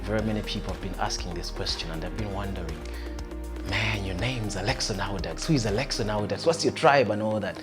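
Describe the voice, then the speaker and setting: A man's voice: lowish voice, brisk, over loud music. Easygoing young man. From Tanzania, raised in Uganda. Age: young adult. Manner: easygoing, rambling, frequent "well" and "man". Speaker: guest, actor. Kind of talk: relaxed self-introduction and interview.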